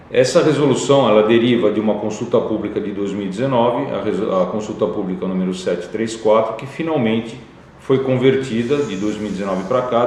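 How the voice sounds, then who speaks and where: A man's voice: lowish voice, darkish tone, slight background noise. A man with a Brazilian Portuguese accent, a company executive explaining regulations methodically, step by step. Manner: methodical, explains legal text step by step with fillers. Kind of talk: explanatory talk. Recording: very echoey room.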